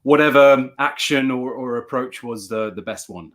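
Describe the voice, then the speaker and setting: A man's voice: medium pitch, normal speed. Swedish man on a video call. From Sweden. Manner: earnest, repeats words while thinking. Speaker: success coach, guest. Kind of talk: casual video-call interview. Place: bright room at home.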